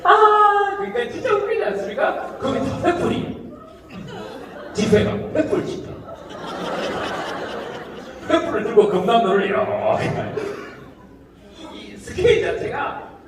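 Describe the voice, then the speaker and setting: A man performing a comedic talk to a live audience, animated and jokey, slipping into quick impressions of how people talk. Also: extremely high pitch, a crowd in the background. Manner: animated, jokey, mimics regional speech in quick asides. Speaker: comedian giving a talk concert. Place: large hall with a live audience. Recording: echoey hall audio with noise, from far off.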